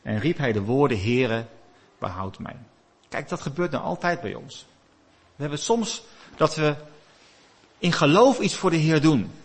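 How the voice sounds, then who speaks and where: A man preaching a sermon, telling a story with animated rises and drops in his voice. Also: on the high side, moderate pace, pauses often, breathy edge.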